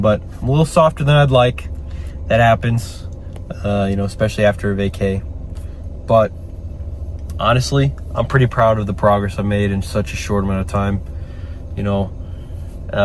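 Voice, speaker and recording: Slight background noise sits under a mid-range male voice, congested from a cold. He's a young fitness vlogger chatting casually at the gym, all hyped-up swearing and repeated "okay?" check-ins.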